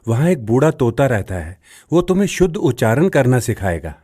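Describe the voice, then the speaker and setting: A woman voicing a gentle, reassuring father crow in a cartoon story. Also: very deep voice, sing-song, fairly quick, husky, full character voice.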